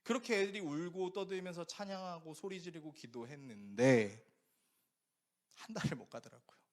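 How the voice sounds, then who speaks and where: A man preaching a sermon as pastor, animated and conversational, often asking the congregation questions. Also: a little high, normal speed.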